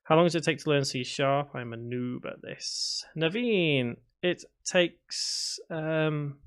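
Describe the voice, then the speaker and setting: A man in his thirties from Liverpool speaks slowly in a smooth, slightly bright voice on the high side, with a Scouse accent. Streaming game development live, he casually reads out viewer comments and answers them, restarting and filling pauses as he goes.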